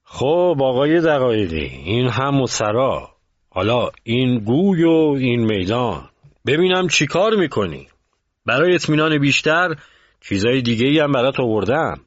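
A man's voice: mid-range voice, big pitch swings, no room sound, pitched above the performer's own voice. A man doing a wary, insistent camp official. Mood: mocking. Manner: wary, pressing. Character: doubtful male camp official, cautious and insistent. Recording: dull muffled recording.

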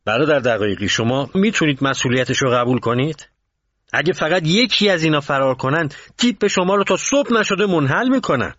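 Man putting on a nervy camp official, pushy and raised in pitch, muffled audio. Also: lively intonation, a bit bright, no room sound. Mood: worried insistent. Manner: wary, pressing. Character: doubtful male camp official, cautious and insistent. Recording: dull muffled recording.

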